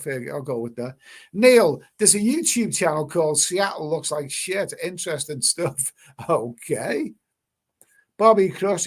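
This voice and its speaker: A man hosting a casual live stream, reading out chat comments and rambling with many repeated words and casual swearing. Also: fairly high pitch. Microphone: webcam stream mic.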